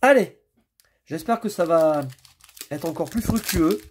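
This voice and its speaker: A man's voice: fairly high pitch, lively intonation, a little slow, background noise. A man casually commenting as he opens trading card packs, chatty and muttering card names as he flips through them. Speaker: YouTuber opening card packs. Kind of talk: casual pack-opening commentary.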